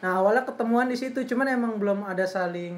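A woman's voice: medium pitch, quick pace. A young woman with a Jakarta accent telling an anecdote in casual, slangy Jakarta speech, teasing as she goes. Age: young adult. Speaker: storyteller leading a group chat. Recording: roomy echo, faint background noise.

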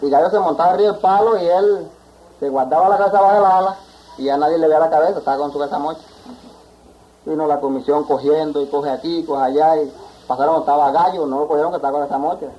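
A man tells a folk tale in a quick, rambling, lively way, slipping into the animals' voices. The recording is a dull, lo-fi 1960s field tape. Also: a little high. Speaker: folk storyteller. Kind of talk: oral folk tale narration.

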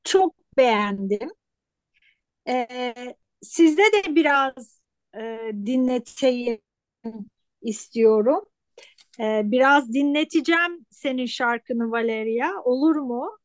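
A woman's voice: sits high, takes it slowly, pauses often, no echo. A woman hosting a casual interview, asking her guest questions. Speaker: host, interviewer.

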